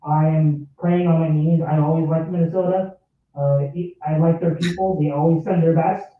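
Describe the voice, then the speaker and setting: A man's voice: on the high side, steady tone, moderate pace, slight background noise. A man calling in to a live show who sounds like he is at the bottom of a well, rambling and restarting his points with "look". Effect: sounds like down a well, tunnel-like echo. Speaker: caller. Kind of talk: fan venting on a call-in. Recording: distant echoey lo-fi call line.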